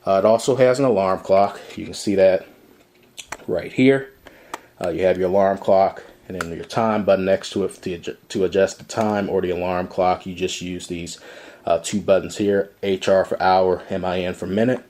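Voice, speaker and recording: Indoors in a room, a product reviewer walks through a casual, step-by-step demo, explaining each part. His voice is low and a little mellow, with a steady tone and normal speed.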